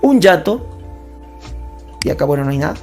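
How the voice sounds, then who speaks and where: Lively woman teaching syllables. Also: deep voice. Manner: sounds out words slowly and emphatically; chatty and joking, with asides. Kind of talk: playful grammar lesson. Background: faint background music.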